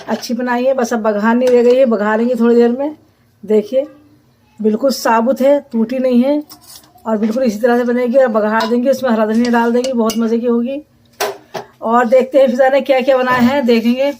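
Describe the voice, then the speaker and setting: A woman walks through her home, chatting into her phone camera. She talks in a warm, doting way and coos at the little ones between remarks on the kitchen. A light hiss lies behind her voice. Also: on the high side, steady tone, moderate pace. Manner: chatty, coos and baby-talks with small children. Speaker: family vlogger. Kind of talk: casual home vlog narration. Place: home kitchen and living room.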